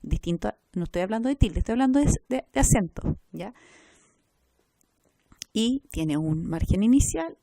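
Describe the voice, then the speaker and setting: A woman's voice: mid-range voice, expressive, normal speed, gravelly, long pauses, dark tone, no room sound. A woman teaching a recorded class, explaining step by step and checking in with her listeners.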